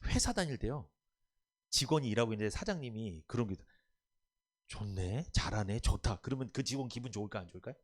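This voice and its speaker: A man's voice: mid-range voice, lively intonation, rapid-fire. A male pastor preaching a sermon, asking his congregation questions and answering them himself.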